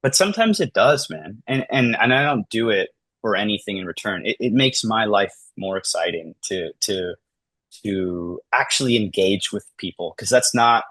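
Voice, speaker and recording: A man in his thirties talking casually as a podcast guest, acting out everyday conversations in lively voices and often saying "like" and "man". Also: on the low side, normal speed, slightly rough, no echo. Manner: animated, acts out dialogue in lively voices, says "like" and "man" often.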